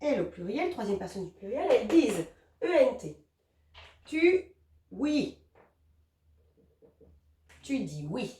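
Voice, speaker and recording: A woman teaches young children a grammar lesson, patient and encouraging as she spells words out letter by letter. Her high voice swings up and down in a lively sing-song. It rings in a roomy space, picked up from a little way off the mic. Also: measured pace, pauses often, recorded from a distance, a little hiss or hum.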